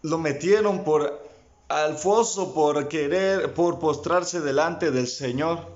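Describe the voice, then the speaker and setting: A man's voice: fairly high pitch, takes it slowly. A man preaching a sermon, speaking straight to his listeners and rising in fervor. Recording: dull lo-fi sound.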